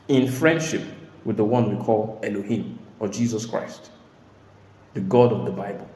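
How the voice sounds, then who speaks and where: A male preacher delivering a sermon with insistent emphasis, suddenly rising to shouts before dropping back down. His voice sits at an ordinary pitch and rings through a reverberant hall. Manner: emphatic, bursts into shouting and laughter. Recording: echoey hall.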